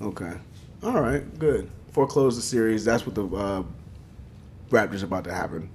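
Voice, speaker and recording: Low-voiced male co-host, loose slangy banter, light background hiss. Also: normal speed, a little mellow. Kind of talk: casual sports chat.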